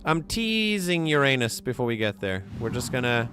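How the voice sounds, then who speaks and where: A man's voice: medium pitch, very animated, normal speed. A man doing casual live gaming commentary as a streamer, rambling along in a jokey, giggly way. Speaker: game streamer. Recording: game music behind the voice. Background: video game music.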